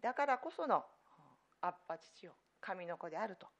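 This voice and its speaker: A woman pastor preaching a sermon earnestly, stressing key phrases loudly and letting her phrase endings fall soft and quiet. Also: on the low side, animated, a little fast, dull audio. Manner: earnest, emphatic preaching with sudden loud stresses.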